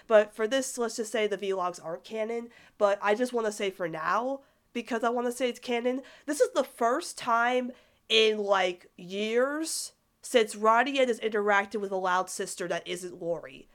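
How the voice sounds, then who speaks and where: A woman hosting a casual solo fan podcast, talking in an excitable, rambling way with a nasal voice stuffed up from a cold. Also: on the high side, moderate pace. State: recovering from sickness, stuffed-up nose. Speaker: podcast host.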